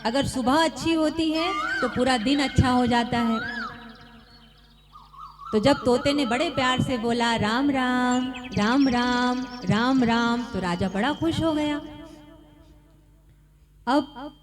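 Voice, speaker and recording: Slow high-voiced woman telling a children's story. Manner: asks listeners questions and repeats answers. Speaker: storyteller at a student camp. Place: ashram camp gathering. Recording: music playing behind the voice.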